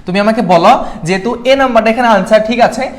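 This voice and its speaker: A young man from Bangladesh tutoring students in a live online class, asking them questions and checking in with them often. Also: high-pitched. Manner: quick, keeps checking in with the class. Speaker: admission exam tutor.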